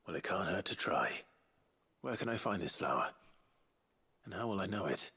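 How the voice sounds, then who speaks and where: An actor playing a grim, steady young warrior hero who speaks tersely and calmly in game dialogue. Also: male voice, low-pitched, moderate pace, slightly rough, exaggerated voice. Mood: resolute. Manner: terse, calm and resolute.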